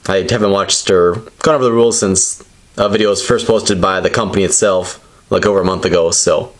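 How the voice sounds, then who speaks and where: Low-voiced man casually showing trading cards. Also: steady tone, brisk. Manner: rambling, tentative explaining. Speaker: presenter opening trading card packs. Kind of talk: casual unscripted show-and-tell commentary.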